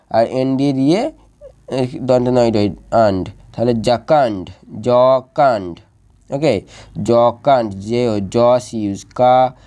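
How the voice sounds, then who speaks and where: A man's voice: medium pitch, warm tone. A man teaching English vocabulary, spelling words out letter by letter and repeating their meanings patiently. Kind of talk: spelling and pronunciation lesson.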